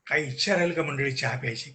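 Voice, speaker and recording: A man voicing a sly tea-stall servant who speaks in a slow, teasing drawl. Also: mid-range voice, pushed and bright, voice pushed down, lightly acted.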